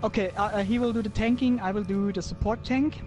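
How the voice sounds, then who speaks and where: A man with a high voice talks his team through a game raid, stopping and restarting as he explains. Game music plays clearly behind his voice-chat mic. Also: fairly even intonation, fast talker, a little mellow. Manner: explains with many fillers and restarts. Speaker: raid leader explaining tactics.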